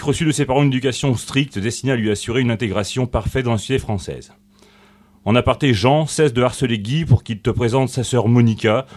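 A man from Corsica delivers a written tribute in a radio studio, reading with mock solemnity and dry irony. His pitch sits in an ordinary middle range for a man. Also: a little mellow. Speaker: guest columnist.

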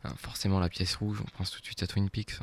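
A man's voice: low voice, level tone, fairly quick, no echo. A man co-hosting a casual radio film chat, giving his views in short added remarks. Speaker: radio co-host, film commentator. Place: radio studio.

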